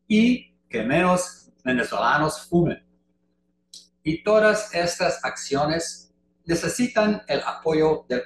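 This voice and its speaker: This prepared lecture comes from an older Canadian man at a conference who speaks slowly and carefully in a language not his first. His voice is on the high side. A video call webcam captures him in an echoey room with faint noise.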